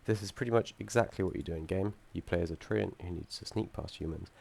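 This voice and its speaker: A young male student, croaky because he's feeling unwell, presents his game project in a screen-recorded code walkthrough. His voice sits low and a little mellow, and he talks fast but hesitantly, with lots of ums, restarts and dry asides.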